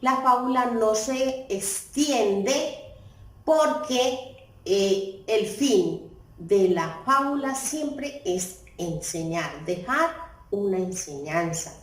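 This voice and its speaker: A woman teaching a lesson, explaining slowly and stressing key words. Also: expressive, roomy sound, low-quality recording. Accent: Colombian Spanish. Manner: deliberate, stressing key words with pitch jumps. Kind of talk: slow classroom explanation.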